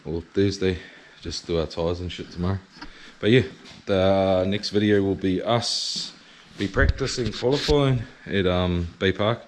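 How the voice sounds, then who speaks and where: Casual male vlogger, broad New Zealand accent, deep-pitched, slangy and sweary, slightly noisy handheld recording. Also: measured pace. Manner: laid-back, slangy, sweary. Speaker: vlogger and drift car driver. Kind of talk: casual video diary.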